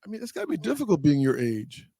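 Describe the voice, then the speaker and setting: A man's voice: fairly high pitch, wildly swooping pitch, quick pace, vocal fry, warm tone, husky, no echo, studio quality. A man hosting a casual podcast over a video call, teasing his co-host with playful questions.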